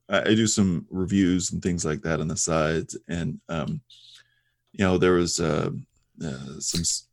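A man's voice: deep voice, dry recording, clean studio sound. A man co-hosting a casual talk podcast, rambling with many fillers and restarts. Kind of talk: casual conversational discussion.

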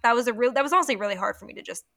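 A young woman co-hosting a casual podcast, gushing about her favorites in an animated way with plenty of "like" fillers. Her voice is bright and lively. The sound is dry and close, with no room around it. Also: fairly high pitch, racing, vocal fry, dry recording. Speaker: podcast co-host. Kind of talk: casual chat.

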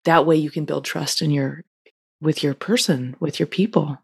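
Husky low-voiced woman, gentle storyteller. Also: steady tone, moderate pace. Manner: gentle, storytelling, affirming with many mm-hmms. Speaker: podcast co-host. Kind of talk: casual chat about relationships.

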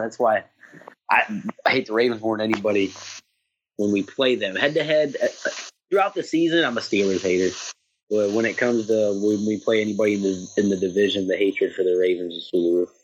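Low husky guy on a video call, blunt and sweary, dull lo-fi line that breaks up. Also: fairly quick, slight background noise. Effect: video call audio, breaking up. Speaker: football fan guest. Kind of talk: casual interview chat.

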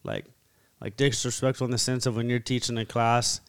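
A young adult man co-hosting a podcast, casually telling animated stories and acting out other people's lines. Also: mid-range voice, fairly quick, creaky, clean tone, no echo, studio quality. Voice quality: animated storyteller who acts out others' voices. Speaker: podcast co-host. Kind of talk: casual chat.

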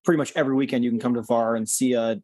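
Talking very fast in a medium-pitched voice, a man who organizes concerts is a guest on a podcast. The casual interview chat finds him relaxed and explanatory, leaning on "um" and "you know" and restarting often. The recording is dry.

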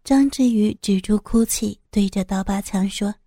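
A woman narrating an audiobook story in an even, measured way. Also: mid-range voice, dry recording, studio quality.

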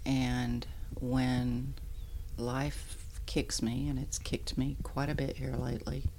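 A middle-aged woman chatting casually as a podcast guest, animated, candid and self-deprecating. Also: rumbling low, takes it slowly, slight background noise. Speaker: podcast guest, the host's mother. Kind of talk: casual interview chat. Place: indoors at a dining room table at home.

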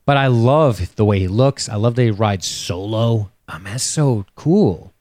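A man co-hosting a casual podcast chat, animated and joking, swearing freely. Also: fairly low pitch, measured pace, no echo. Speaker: podcast co-host. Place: home studio.

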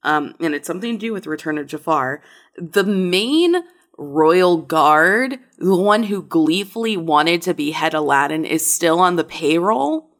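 A woman's voice: on the low side, animated, unhurried. A woman chatting casually on a podcast, hesitant with many ums and uhs. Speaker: podcast co-host.

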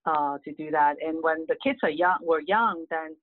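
A woman's voice: sits low, normal speed, dry recording. Middle-aged woman, earnest guest; tinny dry phone audio. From Hong Kong. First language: Cantonese. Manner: earnest, many "you know" fillers. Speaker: guest, real estate agent. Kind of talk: casual interview answers.

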